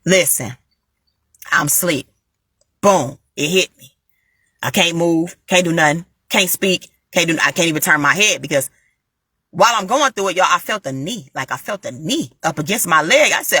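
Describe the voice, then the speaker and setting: A woman giving a casual spoken faith testimony to viewers, animated and repeating her phrases for emphasis. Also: on the low side, normal speed, husky, no room sound, studio quality. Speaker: vlogger sharing a faith testimony.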